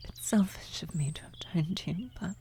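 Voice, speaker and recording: In an ASMR fantasy roleplay, a woman voices a worried, tender vampire blood sorceress, a guilty lover who sounds apologetic and affectionate. Her fairly low voice is soft and breathy, lightly acted, and often drops into a whisper as she speaks in a halting, hesitant, gentle way. Outdoor birdsong and nature ambience effects play behind her.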